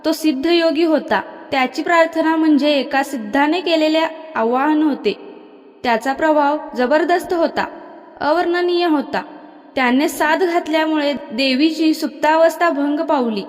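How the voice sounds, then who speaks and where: A woman reading a devotional scripture story in a measured, reverent way, with long hall reverb. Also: high-pitched.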